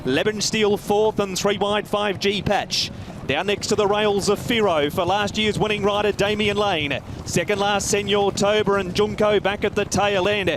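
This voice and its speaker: A man's voice: sits high, background noise. A man working as a race caller, giving a live running commentary on horse racing.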